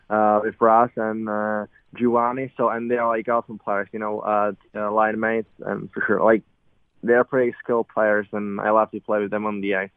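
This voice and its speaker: A young man from the Czech Republic with a Czech accent, a guest on a call-in radio interview, answering in halting English full of fillers. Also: lowish voice, clear, resonant tone, no echo. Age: young adult. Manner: halting, filler-heavy non-native English. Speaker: guest athlete. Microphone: phone. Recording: dry tinny phone line.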